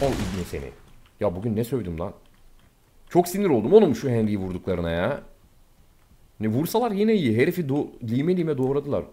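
A young man commenting casually on a game he plays, brash and excitable, swearing often. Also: lowish voice, a little hiss or hum. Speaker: gaming YouTuber. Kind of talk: Let's Play commentary.

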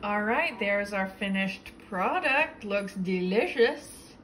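A young woman talking casually through a recipe in her home kitchen, chatty and relaxed with a lot of fillers. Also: mid-range voice, slow pace, a little hiss or hum, rough recording. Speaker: home cook host. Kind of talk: casual cooking vlog narration.

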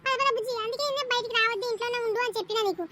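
A woman voicing a young tenant mother in a cartoon, brisk, doting with her child and sharp with others. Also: very high-pitched, a little hiss or hum, voice pushed up. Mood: scolding. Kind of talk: cartoon voice acting.

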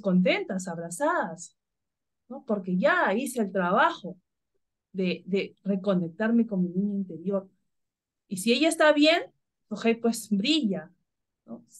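A woman from Peru, a spiritual guide, talking casually and telling everyday stories with frequent laughter. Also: mid-range voice. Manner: warm, spontaneous storytelling with frequent laughs.

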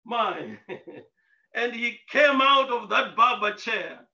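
A man preaches a storytelling sermon, punching his points with rhetorical questions and bursts of shouting. His voice is high and forcefully bright. The recording is echoey and dull, lo-fi church audio. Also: lively intonation, takes it slowly, far from the mic. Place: church hall.

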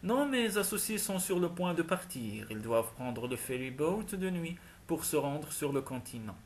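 A man voicing a brisk, genial older host who speaks briskly and warmly to guests. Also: fairly high pitch, very animated, slight background noise.

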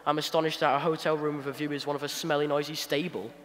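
A man acting a weary husband in a school nativity sketch, who answers with dry, deadpan agreement. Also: fairly high pitch, fast talker, slight background noise, natural voice. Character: weary, dry husband humouring his wife. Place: large minster church. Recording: long church reverb.

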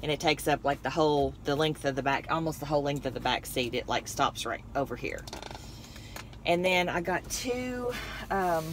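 In a noisy car, parked at first and later driving, a low-voiced woman vlogger rambles through a casual chat about her finds. Her intonation is lively, her speed normal, and she's chatty and laughs a lot. The mic is a phone on the dashboard.

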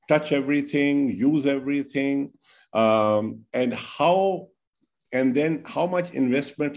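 An older man with a Pakistani English accent makes his argument point by point, posing rhetorical questions. He speaks at an ordinary pitch over a video call, and the sound is slightly dull. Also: a little mellow. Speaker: panelist. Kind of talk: webinar answer. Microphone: video call webcam.

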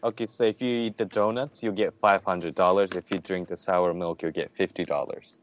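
Guy with a low voice running the questions on a podcast, dull lo-fi sound. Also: fairly even intonation, fairly quick. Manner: reads out would-you-rather questions. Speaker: podcast host reading questions. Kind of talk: casual group chat.

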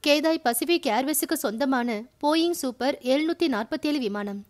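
High-voiced woman reading a crime novel. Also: moderate pace, no echo, clean studio sound. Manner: steady storytelling, voices the characters. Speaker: audiobook narrator. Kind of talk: audio novel narration.

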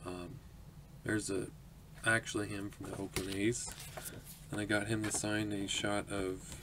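A man in his twenties, who hosts an autograph collecting channel, opens his mail on a home vlog, talking in an unhurried, flat way with a voice on the low side. Even so, he comes across chatty and upbeat, laughing often and saying um a lot. Noise fills this recording from a small room indoors.

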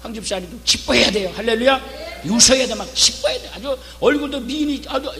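A middle-aged male pastor preaching a revival sermon, fervent, calling out for amens and shouting his key lines. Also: extremely high pitch, fast talker. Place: church hall. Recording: reverberant church hall with faint hum.

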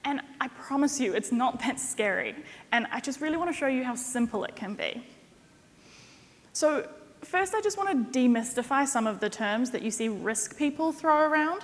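A woman's voice: sits high, normal speed. A young woman giving a conference keynote as a consultant, conversational and jokey, speaking at a lectern on a stage. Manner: conversational and jokey, lively emphasis. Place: conference stage in a large hall. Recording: reverberant hall sound.

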